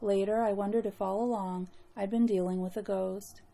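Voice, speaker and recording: A woman narrating a scripted spooky story as a horror host, in a measured, deliberate storytelling manner. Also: mid-range voice, fairly even intonation, creaky, dark tone.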